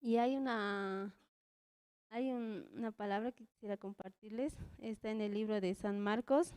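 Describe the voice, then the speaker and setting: A woman's voice: medium pitch, unhurried, a little mellow, clean tone. A young woman volunteer giving a hesitant church testimony, nervous and trembling, filling every phrase with the same little word. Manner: hesitant, repeats "así" constantly, nervous. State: trembling with nerves.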